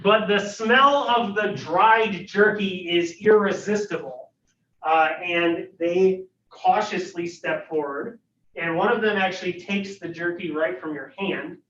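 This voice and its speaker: A man with a high, fairly bright voice narrates at a measured pace as game master of a tabletop game, sounding hesitant and using many fillers. He's in a room at a livestreamed faculty game, and the recording is roomy, distant and dull.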